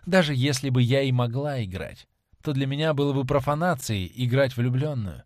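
A man's voice: medium pitch, lively intonation, normal speed, dry recording, studio quality, close to an everyday voice. A man reading as a passionate young actress. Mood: impassioned. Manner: impassioned, pleading. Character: young woman, a stage actress, passionate and devoted. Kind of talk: audiobook reading.

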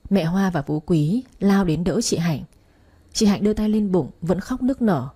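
Woman, audiobook narrator, measured reading, husky, low-pitched. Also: lively intonation, warm tone. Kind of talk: scripted story narration.

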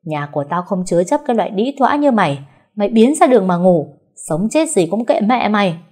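A vicious older mother-in-law shrieks abuse in a storybook reading, as a woman puts her on. Her voice climbs high and loud, with a husky edge left underneath. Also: lively intonation, fairly quick, close to an everyday voice. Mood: furious. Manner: shrill insulting shouting.

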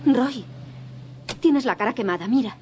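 A woman's voice: fairly high pitch, lively intonation, measured pace. A woman dubbing a flustered suburban wife and mother in a film, fussing and wry. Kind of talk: dubbed film dialogue. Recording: film clip under loud noise.

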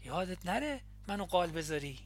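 A woman reading an audiobook, voicing an earnest, playful young man in love with soft, intimate lines. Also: fairly low pitch, very animated. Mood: teasing.

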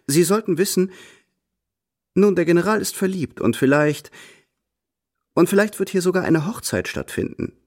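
A man's voice: high-pitched, moderate pace, pauses often, darkish tone. An actor playing a haughty, scheming French marquis in a radio drama, pompously slipping French phrases into his speech.

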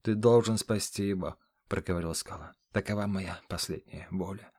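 Brief: man reads dying veteran fighter, low hushed voice, dry close read. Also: normal speed, husky, dry recording. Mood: dying, resigned. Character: dying old warrior, calm and resigned. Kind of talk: audiobook character reading.

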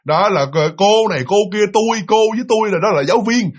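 A man casually retelling a ghost story, animated and full of fillers and repeats, acting out the voices he quotes. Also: sits high, quick pace, slightly rough.

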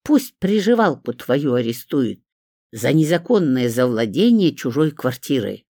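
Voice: mid-range voice, sing-song, unhurried, dark tone, no room sound, clean studio sound. A reader voicing Lariska, a pushy, indignant woman who screeches and picks fights in an audiobook. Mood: shrill. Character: shrill scandalous middle-aged woman, pushy sister.

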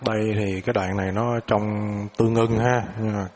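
A man leads a dharma class in a relaxed, halting way, often doubling back on his words. His voice sits on the low side. A faint hiss runs under it. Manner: hesitant, repeats words, relaxed. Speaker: dharma teacher. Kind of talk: classroom teaching with questions.

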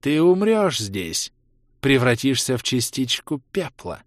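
A man's voice: mid-range voice, big pitch swings, dry recording, studio quality. Man voicing a grating undead ice witch. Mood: slow menacing. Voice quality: grating, scraping. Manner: slow, drawn-out proclamations. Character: grating bloodied undead woman, menacing ice guardian. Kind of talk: audiobook character reading.

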